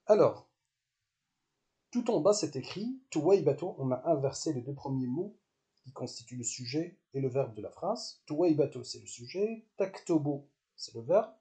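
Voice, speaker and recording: A man gives a calm, step-by-step lesson in a slightly high, mellow voice. He repeats short syllables patiently for his listeners, often pausing and restarting with fillers. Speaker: Arabic language teacher.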